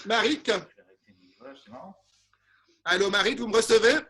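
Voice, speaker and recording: A man's voice: high-pitched, measured pace, a bit bright. A man hosting a parody word game over a video call from home, fussy and forever calling players who have dropped out. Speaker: game show host.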